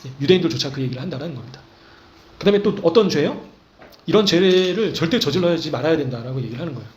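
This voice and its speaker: A man's voice: a little high, expressive, quick pace, reverberant. A man preaching a sermon as pastor, emphatic, checking in with listeners often and acting out confessions in quoted prayers.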